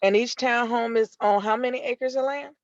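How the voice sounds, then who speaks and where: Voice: mid-range voice, steady tone, normal speed, dry recording, highs cut off. A community member asking pointed questions at a neighborhood meeting over a call connection that keeps breaking up. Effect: patchy call connection that breaks up.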